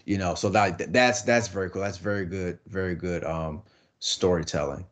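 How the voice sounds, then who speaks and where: A man's voice: low voice, moderate pace. A man co-hosting a casual podcast, talking hesitantly with many restarts. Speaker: podcast co-host. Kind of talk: casual chat.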